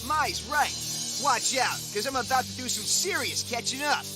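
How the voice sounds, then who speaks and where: Anime dub role: excitable, cocky-talking teenage boy duelist, slangy, soundtrack behind. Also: very high voice, normal speed, music in the background. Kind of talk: English anime dub acting.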